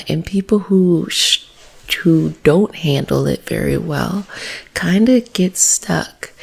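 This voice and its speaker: A woman speaking in a soft, half-whispered ASMR style, gentle and maternal, as the host of a self-care healing session. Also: deep voice, gravelly, slightly rough. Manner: gentle, maternal, informal, addresses listeners as babies. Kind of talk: soft-spoken ASMR, intimate monologue to listeners.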